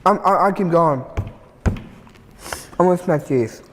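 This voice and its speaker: A man's voice: a little high, unhurried, long reverb tail, slight background noise. A man taking part in an eating challenge, chatting casually and stammering, repeating his words. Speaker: challenge participant. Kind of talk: casual chat.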